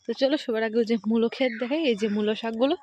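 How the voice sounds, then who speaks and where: A woman from India talks quickly into her phone camera, her voice set a little high. She is walking between village houses and fields, worn out from the walk, and speaks softly as she passes neighbours' yards. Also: muffled recording, slight background noise. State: tired and hungry from walking. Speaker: village lifestyle vlogger. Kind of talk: casual vlog narration while walking. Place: outdoors on village paths and fields, then at home. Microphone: handheld phone camera.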